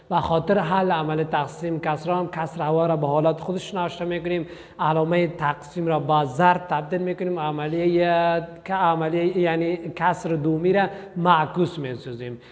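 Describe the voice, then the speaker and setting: A man teaches a math class. He walks through each example step by step and keeps encouraging his students. His voice sits on the high side, and a long echo rings after it in the room.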